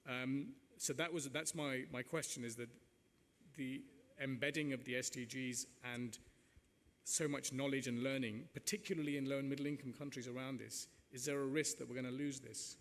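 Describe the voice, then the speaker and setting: A man's voice: mid-range voice, fairly even intonation, normal speed. A man moderating a panel discussion in a conversational, discursive way. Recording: reverberant hall with background noise.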